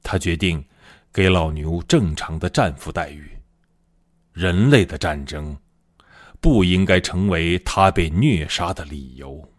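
A man narrating a dramatic story in an expressive way, building up in the tense moments. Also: deep voice, a little slow.

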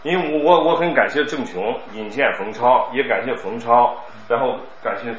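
A man's voice: medium pitch, normal speed. A middle-aged man teaching recitation, coaching a student and answering questions in a chatty, teasing way. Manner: chatty, teasing, laughs often. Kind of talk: classroom coaching and Q&A. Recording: echoey, distant, muffled room with noise.

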